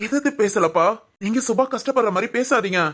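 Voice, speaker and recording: A woman voicing a young husband who firmly defends his wife in an animated family drama. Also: a little high, brisk. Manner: firm, pleading.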